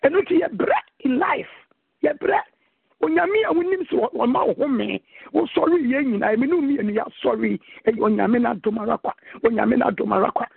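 A Ghanaian preacher exhorts his listeners, quoting scripture in a very high, gravelly voice. His husky tone comes through a dry, phone-like line. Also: moderate pace, no room sound. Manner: exhorting, mixes scripture quotes with local-language preaching. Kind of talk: sermon mixing Twi and English.

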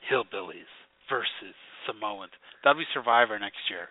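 A man's voice: on the low side, animated, normal speed, no echo. Rambling man, tinny phone-line sound. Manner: rambling, heavy on "like" fillers. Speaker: podcast co-host. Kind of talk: casual chat.

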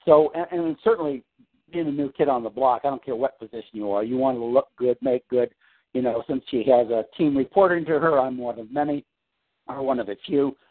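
On a tinny phone line, a man with a mid-range voice talks fairly quickly from home about his work, rambling with restarts and fillers. He's a client on a coaching call in casual conversation.

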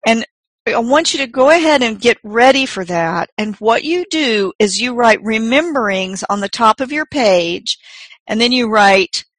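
Woman, mid-pitched voice, slow pace, deliberate pauses, instructive meditation guide, dry close sound. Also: a bit bright, no room sound, poor audio. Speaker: spiritual workshop leader and meditation guide.

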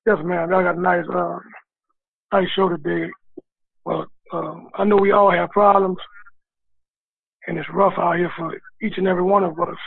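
A man's voice: sits high, flat delivery, moderate pace, vocal fry, long pauses, slightly rough, dry recording. A man calling in to a radio show over the phone, talking in a casual, drawling way. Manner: casual, drawling, repeats himself. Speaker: caller. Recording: tinny phone line.

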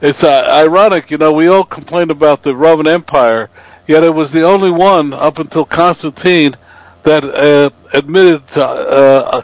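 A male talk show host who talks in a halting, stop-start way, searching for his words as he pushes back on his guest. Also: on the high side, no room sound, low-quality recording.

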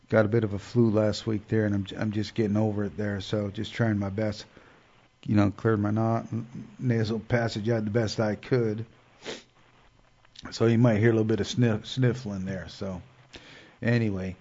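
A man with a cold and a stuffed-up nose hosts a show, rambling through a casual monologue full of fillers and restarts. His voice is lowish with a darkish tone, and the recording sounds dull and lo-fi.

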